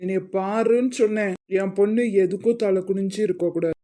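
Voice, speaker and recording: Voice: medium pitch, fairly quick, mellow, natural voice. A voice actor playing a proud, loving middle-aged father in a cartoon, firm and reassuring, with a Tamil accent.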